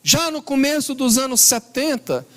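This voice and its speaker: A man with a Brazilian Portuguese accent giving a spiritist lecture, telling a story in an earnest, emphatic way and slowing down on key words. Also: very high-pitched, pushed and bright.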